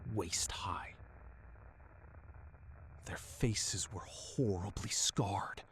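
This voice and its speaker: A man telling a scary bedtime story in whispered narration, slow and hushed. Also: fairly low pitch, slight background noise.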